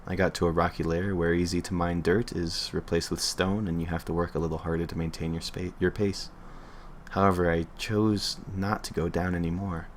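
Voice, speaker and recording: Reading a creepy internet tale aloud on a livestream, this man keeps a level tone at a slightly fast clip. His voice is low-pitched, the audio has a little hiss or hum, and he's offhand, tripping up and fixing his words as he goes.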